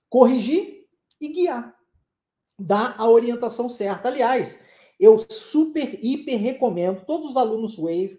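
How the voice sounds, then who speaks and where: In an echoey room, a man's very high-pitched, dark-toned voice carries a Southeastern Brazilian accent. He is an English teacher running an online lesson, being playful and illustrating pronunciation with sound effects.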